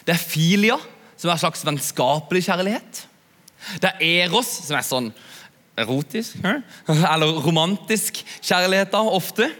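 A young man preaching to a youth audience in a relaxed, chatty way, often asking his listeners to agree. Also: high voice. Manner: chatty, asks "ikke sant?" often. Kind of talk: sermon. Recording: long hall reverb.

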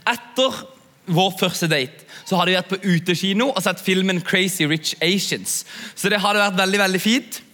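A young man preaching to a youth audience in a relaxed, chatty way, often asking his listeners to agree. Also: high-pitched. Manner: chatty, asks "ikke sant?" often. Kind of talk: sermon. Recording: long hall reverb.

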